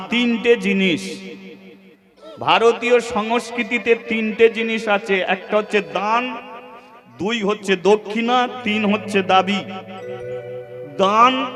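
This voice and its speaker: A man with a high voice preaches slowly at a live kirtan. He tells a devotional story, keeps asking the listeners questions and repeats his points in lists. The PA microphone rings in a long reverb, with instruments playing clearly behind him. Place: live devotional gathering before a seated audience.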